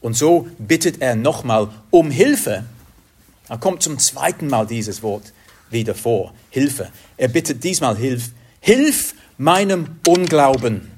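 A man's voice: mid-range voice, expressive, a little mellow, husky. A man preaching a sermon in an earnest way, sometimes hunting for the right word. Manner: slow, earnest, searching for words at times.

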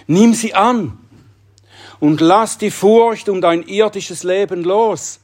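Slow, earnest high-voiced male preacher. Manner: earnest, emphatic delivery with dramatic drops to a hush. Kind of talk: sermon.

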